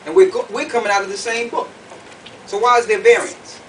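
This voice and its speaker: This is a brisk, lively conference sermon from a high-voiced man who keeps stressing his message, repeating lines and quizzing the assembled audience. Captured from a distance in a noisy conference room, his voice comes through over obvious background sound.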